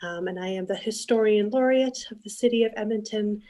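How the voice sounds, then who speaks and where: A woman's voice: medium pitch, fairly quick, mellow. Woman with a frog in her throat. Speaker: city historian. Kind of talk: casual video-call introduction. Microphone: video call.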